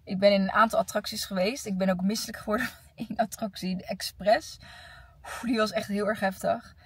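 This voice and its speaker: Young Dutch woman vlogger, casual and chatty, slightly husky, close dry sound. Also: medium pitch, fast, no echo, far from the mic. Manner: chatty, animated storytelling. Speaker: vlogger, teacher. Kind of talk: casual weekly vlog. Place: car and on the go.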